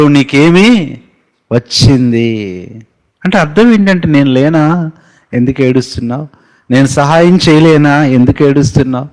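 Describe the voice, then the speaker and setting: Male pastor, measured sermon delivery, emphatic repeated questions. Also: medium pitch, darkish tone, low-quality recording. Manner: preaching with emphatic rising questions and sung hymn lines.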